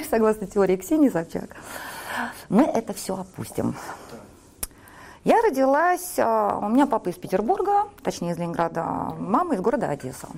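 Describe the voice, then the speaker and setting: Blunt, creaky-voiced woman swearing freely. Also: mid-range voice, big pitch swings, normal speed, a little mellow. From Saint Petersburg, Russia. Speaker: guest. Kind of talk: casual TV interview chat. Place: TV studio.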